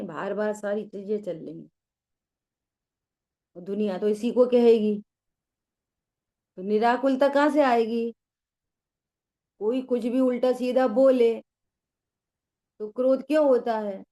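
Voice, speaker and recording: A woman's voice: a little high, measured pace, long pauses, mellow. A middle-aged woman giving a religious discourse on scripture, telling a story and asking her listeners rhetorical questions. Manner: acts out quoted voices. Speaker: scripture teacher.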